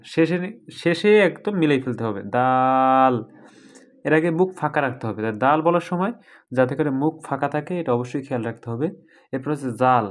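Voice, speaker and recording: This man's voice is fairly high as he teaches a recorded lesson on Quran reading. He explains with patience and draws out every letter sound slowly to illustrate.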